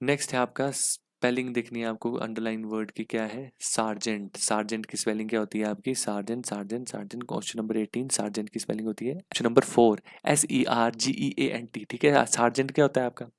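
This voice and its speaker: A man teaching English for an exam in a mix, explaining step by step with rhetorical questions and spelling words out slowly. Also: on the low side, fairly even intonation. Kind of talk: exam-prep lesson in Hindi-English mix.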